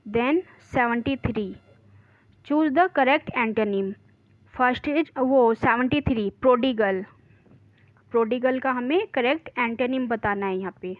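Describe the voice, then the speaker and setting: Woman, teacher, very slow delivery, fairly high voice, dry muffled sound. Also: no echo. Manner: reads questions slowly, explains quickly, mixing Hindi and English. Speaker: English teacher. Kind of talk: exam practice lesson.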